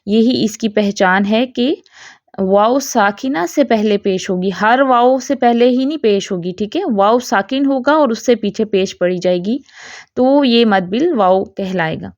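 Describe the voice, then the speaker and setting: A slightly high-pitched woman teaches pronunciation in a steady lesson, breaking each rule into small steps and checking that students follow. She draws out recited example words slowly. The recording is dry and a bit dull. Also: no echo. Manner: explains step by step, keeps checking with "theek hai". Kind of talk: online tajweed lesson.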